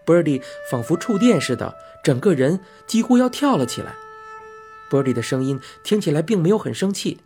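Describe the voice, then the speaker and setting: A man narrating a novel as an audiobook in a soft, unhurried, intimate way. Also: on the high side, big pitch swings, faint music behind. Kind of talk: scripted narration.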